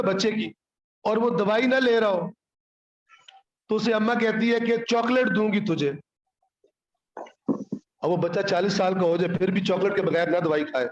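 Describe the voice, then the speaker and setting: High-pitched male preacher, sarcastic and scolding, recites Arabic lines, roomy slightly muffled sound. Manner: scolding, rhetorical questions, quotes Arabic. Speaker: Islamic scholar preaching. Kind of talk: Urdu sermon on the Quran.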